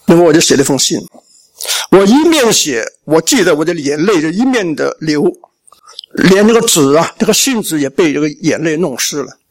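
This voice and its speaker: A man's voice: on the high side, expressive, normal speed. A middle-aged male pastor from Shandong, telling his life story in a sermon and acting out the family talk. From Shandong, China. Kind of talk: sermon testimony.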